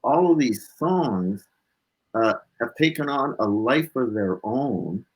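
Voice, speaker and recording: Heard on a rough recording, a musician with a husky, medium-pitched voice answers interview questions slowly and expressively. His tone is casual and reflective, and he repeats points for emphasis.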